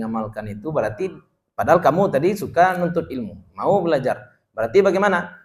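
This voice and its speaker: A man leads a religious study lecture as an Islamic teacher. He moves through the text line by line and keeps turning to his students with relaxed, chatty asides. His voice sits at a middle pitch for a man. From Indonesia.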